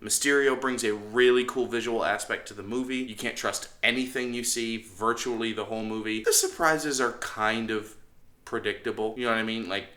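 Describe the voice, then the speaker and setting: A man's voice: medium pitch, normal speed, sharp tone. A man hosting a casual movie review, rambling and often doubling back on his phrases. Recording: echoey room.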